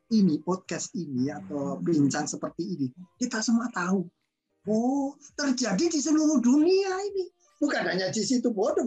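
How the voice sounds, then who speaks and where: Husky older man telling stories. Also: high voice, poor audio. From Madura, Indonesia. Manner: discursive, digressive storyteller with frequent fillers and laughs. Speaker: guest speaker, language researcher. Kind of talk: panel discussion talk.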